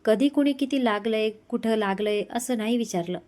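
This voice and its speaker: A woman storyteller narrating a romantic story in a steady, expressive reading. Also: a little high, normal speed.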